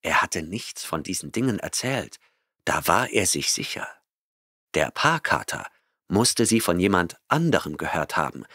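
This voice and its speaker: A man narrating a science-fiction audiobook in a measured, even storytelling manner on a close studio mic. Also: sits low, no room sound. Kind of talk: scripted narration.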